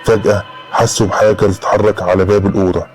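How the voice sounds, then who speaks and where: Man, Egyptian Arabic accent, horror story narrator, low voice, flat steady delivery. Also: fast, faint music behind. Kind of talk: dramatic first-person storytelling.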